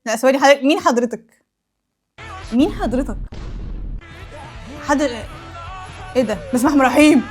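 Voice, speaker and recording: Egyptian woman, young, high bright voice, fast teasing reaction host with faint music under her. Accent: Egyptian Arabic. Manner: exclaiming, teasing, laughs often. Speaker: anime YouTuber. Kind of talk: reaction commentary.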